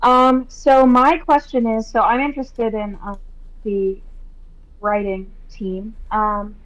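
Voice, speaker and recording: A woman calling in to an online Q&A, halting and full of ums as she asks her question. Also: a little high, level tone, poor audio. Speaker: caller. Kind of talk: casual online Q&A.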